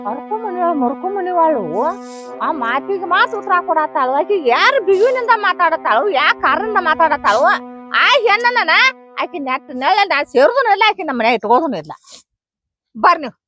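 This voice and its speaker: A woman's voice: extremely high pitch, soft background music. A woman with a North Karnataka accent acting a scolding mother-in-law in a village comedy skit, consoling one girl and railing at another. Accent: North Karnataka Kannada. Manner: scolding, consoling, fast and lively.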